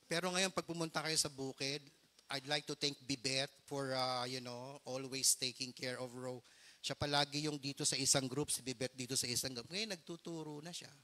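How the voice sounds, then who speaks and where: A man's voice: mid-range voice, steady tone, moderate pace, pushed and bright. A middle-aged man preaching a storytelling sermon as pastor, earnest and mixing English phrases into his Tagalog.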